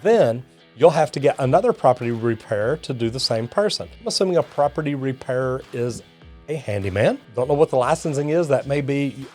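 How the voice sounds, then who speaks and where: A middle-aged or older master plumber from Texas hosts a video, reading comments aloud with folksy reactions and calling his audience y'all and guys. His medium-pitched voice is animated, brisk and darkish, with faint music behind it.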